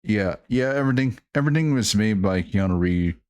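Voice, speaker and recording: A man giving casual reaction commentary in a halting way, often repeating his words and phrases. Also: lowish voice, animated, a little mellow, clean tone.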